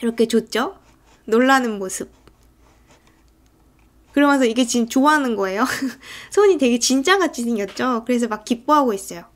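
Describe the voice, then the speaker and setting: A woman with a fairly high voice talks through a film scene by scene in a relaxed, chatty way. She often breaks into acted lines for the characters. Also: normal speed, long pauses. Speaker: film recap narrator. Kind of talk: casual movie recap narration.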